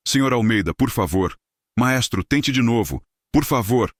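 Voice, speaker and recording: A man voicing a panicked, desperate male wedding planner with a shrill voice. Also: steady tone, moderate pace, no echo, studio quality. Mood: pleading.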